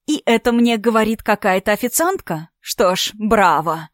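A woman's voice: on the high side, expressive, normal speed, no room sound, studio quality, voice pushed up, natural voice. A woman reading a storybook part, voicing a spiteful, mocking woman in her thirties who is about to marry, with a raised, sarcastic voice. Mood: taunting. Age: 30s. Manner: sneering, sarcastic, theatrical.

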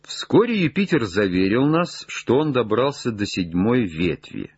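A man reading an audiobook aloud in an expressive, dramatic style. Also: lowish voice, measured pace, slightly rough, no room sound, muffled recording. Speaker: audiobook narrator.

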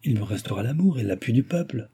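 A man's voice: mid-range voice, lively intonation, fast, warm tone, husky. A man reading aloud, voicing a proud, imperious young princess in a raised voice. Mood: questioning. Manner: haughty, commanding.

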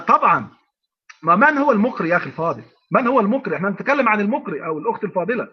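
Egyptian male sheikh, quick emphatic lecturer, repeats himself, dull online recording. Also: sits high, slightly rough. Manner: emphatic, repeats phrases, rhetorical questions. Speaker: sheikh teaching Quran readings.

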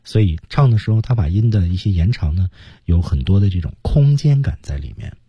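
A male teacher explains song lyrics patiently in a radio studio. His voice is very low and husky, with a dark tone and a lively, rising-and-falling delivery. The sound is dry. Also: brisk, no room sound, dull audio. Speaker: English teacher.

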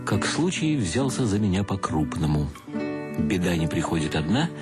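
Over loud music, a low-pitched man narrates in a sing-song voice at a moderate pace. Playing a wry, self-mocking intellectual bridegroom, this radio-drama actor delivers first-person literary narration that is ironic, mock-solemn and ornate.

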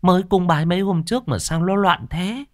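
A man's voice: sits high, brisk, darkish tone, dry recording, clean studio sound, voice pushed up, close to an everyday voice. A man voicing an elderly village wife who fusses worriedly over her husband in a ghost story. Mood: fretful. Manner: worried, fussing.

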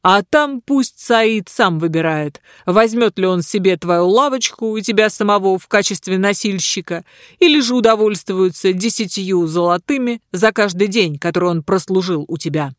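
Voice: medium pitch, normal speed, no echo, clean studio sound, natural voice. A reader voicing a stern male caliph who passes judgment in an audiobook, speaking in a commanding way. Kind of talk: audiobook reading.

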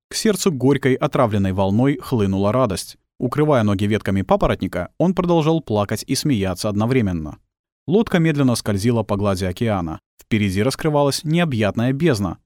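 A man narrating an audiobook in a tense, expressive storytelling manner. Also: on the low side, no echo. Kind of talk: dramatic scripted narration. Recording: dry close studio sound.

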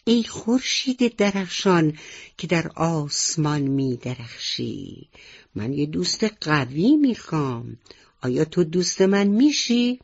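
Brief: curious young mouse boy, read by a woman storyteller, earnest, lively, slightly husky. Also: low-pitched, highs cut off, exaggerated voice. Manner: earnest, questioning. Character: curious little male mouse child.

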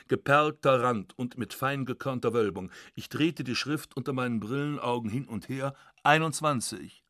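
A man narrating a literary radio reading in a measured, ironic first-person manner. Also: mid-range voice, pushed and bright, dry recording. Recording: dry studio.

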